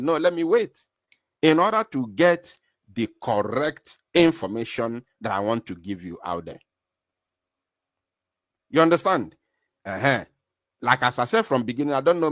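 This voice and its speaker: A man hosting a live-streamed news commentary, emphatic and excitable. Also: dry recording, clean studio sound. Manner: emphatic, excitable, animated swings in pitch and loudness. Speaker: online news show host.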